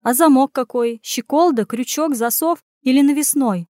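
A woman's voice: sits high, moderate pace, warm tone, no room sound, clean studio sound, voice pushed up, close to an everyday voice. Woman voicing a frantic young runaway witch. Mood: snappish. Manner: pleading, sarcastic. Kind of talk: audiobook character voice.

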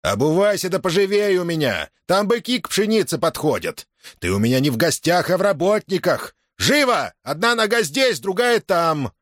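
A man's voice: a little high, very animated, moderate pace, no echo, clean studio sound, pitched above the performer's own voice. A man reading a novel aloud, voicing a bullying grown cossack farmer who barks orders. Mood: barking. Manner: mock-tender coaxing turning to barking orders.

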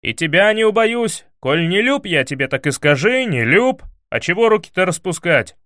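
A man voicing a brash, foolish young hero in an audiobook, prone to loud, excitable outbursts. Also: fairly high pitch, normal speed, no room sound, clean studio sound, close to an everyday voice. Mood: indignant. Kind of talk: audiobook character voice.

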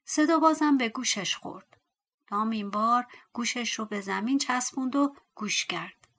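Woman narrator, audiobook fairy tale, bright voice, slightly high, whispers at tense moments. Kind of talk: storytelling narration.

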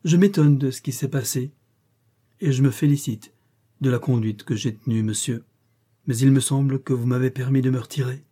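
A man's voice: medium pitch, moderate pace, mellow, husky, lightly acted. A man reading the part of an earnest, guarded young governess in an audiobook, raising his voice a little for her.

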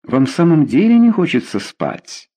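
A man's voice: a little high, very animated, normal speed, warm tone, voice pushed up. Man putting on a teasing, flirtatious queen. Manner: coquettish, teasing, mock-naive.

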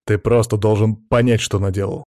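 A male reader voicing a stern, commanding team leader in an audiobook, speaking forcefully with a growl. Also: fairly low pitch, flat delivery, moderate pace, dry recording, studio quality, lightly acted.

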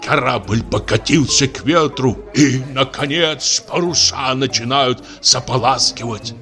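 A man's voice: unhurried, sharp tone, soft background music. A man voicing a pompous, hard-of-hearing old retired navy captain who barks ship's commands in an audiobook play. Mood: commanding. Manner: booming sea commands, mishears everything.

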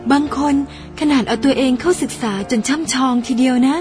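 A calm, thoughtful doctor, as a woman plays her in an audio drama, with a high voice and a measured, gentle way of reasoning. She sounds like a caring older sister. Faint music plays behind her. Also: lightly acted. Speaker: doctor character.

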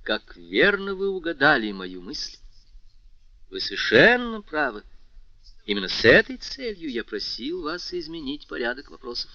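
A man voicing a calm, courteous young male defendant who answers with cool mockery, in a storybook reading. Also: on the high side, normal speed, dry recording, dull audio, full character voice. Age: young adult. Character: young male defendant, coolly insolent and polite.

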